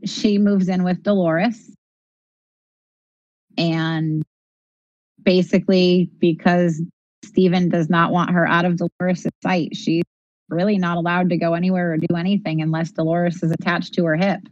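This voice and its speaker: A woman's voice: fairly low pitch, little pitch movement, unhurried, darkish tone, no room sound. A woman co-hosting a casual discussion, making her points emphatically and repeating them for stress, on slightly lo-fi audio. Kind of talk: casual discussion of a criminal case.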